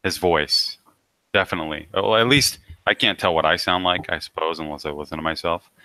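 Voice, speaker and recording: A man's voice: sits low, brisk, bright, forceful tone, no room sound, low-quality recording. A man co-hosting a casual podcast chat, joking and rambling with hesitant restarts. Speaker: podcast co-host.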